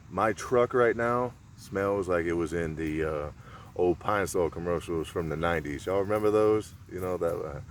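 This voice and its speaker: Man with a low voice, easygoing survival demo outside, faint crickets behind. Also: a little hiss or hum. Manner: laid-back, rambling, folksy. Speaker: survival vlogger. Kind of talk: casual outdoor demonstration. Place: outdoors in a rural area.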